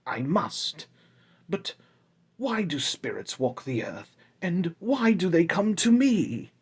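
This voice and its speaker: A man's voice: high voice, big pitch swings, takes it slowly, husky, pitched above the performer's own voice, exaggerated voice. A man doing a trembling old miser. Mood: pleading. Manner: pleading and trembling. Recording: echoey room.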